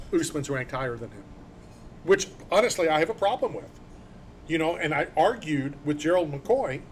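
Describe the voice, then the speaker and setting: A man's voice: on the high side, a little hiss or hum. A man hosting a sports talk show, talking in an opinionated, emphatic and rambling way. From born in Philadelphia. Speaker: sports radio host.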